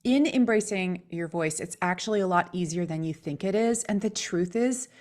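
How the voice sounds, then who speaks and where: A middle-aged woman voice coach chatting with a co-host, animated and quick to laugh as she explains a warm-up. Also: fairly low pitch. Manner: animated, laughs often, quotes others in lively voices. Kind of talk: casual conversation, coaching.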